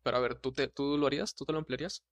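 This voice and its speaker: A man co-hosting a casual livestream chat, telling stories in a relaxed, slangy way with many restarts. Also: mid-range voice, very fast, no room sound, studio quality.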